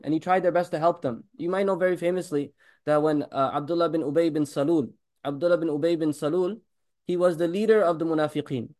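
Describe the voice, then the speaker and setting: Rapid-fire high-voiced male preacher. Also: a little mellow. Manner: rapid, emphatic preaching with blessings on the Prophet woven in; rhetorical questions to the audience. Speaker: religious teacher. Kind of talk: religious talk.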